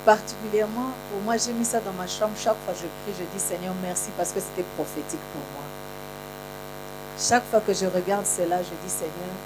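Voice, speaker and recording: A Congolese woman with a Congolese French accent speaks to a church gathering, fervent and earnest, often repeating her key phrases for weight. Her voice sits at an ordinary middle pitch. A steady electrical hum and buzz runs under the recording. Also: brisk. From Congo (Kinshasa). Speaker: pastor's wife, guest minister. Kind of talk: church address.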